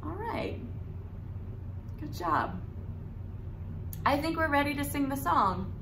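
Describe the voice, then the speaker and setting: A woman in her thirties using an animated, exaggerated kindergarten teacher voice to lead preschool songs and stories for small children. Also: high-pitched, takes it slowly, echoey room, background noise. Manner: animated, exaggerated, sing-song delivery for young children. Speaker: preschool circle time teacher. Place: small indoor room set up as a classroom.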